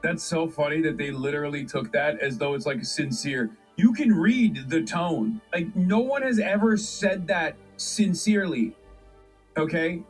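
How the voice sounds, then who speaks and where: A man's voice: on the high side, lively intonation, a little slow, faint music behind, low-quality recording. A man streaming and reacting to news clips, talking sarcastically and in disbelief, often rambling.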